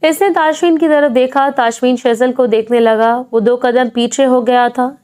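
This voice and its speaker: A woman's voice: high-pitched, fairly even intonation, a little mellow, clear, resonant tone. A woman narrating a dramatic novel aloud, voicing every character herself.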